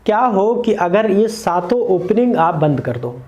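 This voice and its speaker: A man's voice: sits high, lively intonation, unhurried, warm tone. A man teaching meditation to camera, explaining earnestly and repeating key points in short lists. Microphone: camera mic, speaking to camera.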